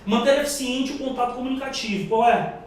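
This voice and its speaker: In an echoey room, heard through a far microphone with faint noise, a man with a Brazilian Portuguese accent teaches a live exam-prep class. His very high-pitched, brisk delivery is emphatic and slangy as he quizzes the room.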